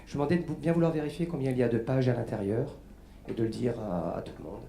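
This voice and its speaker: A male mentalist doing a live mind-reading act on a festival radio show. He speaks in a mellow, patient voice, coaxing a volunteer and spelling out letters. A faint hum of ambience runs behind him. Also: medium pitch, very fast, creaky. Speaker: stage mentalist guest.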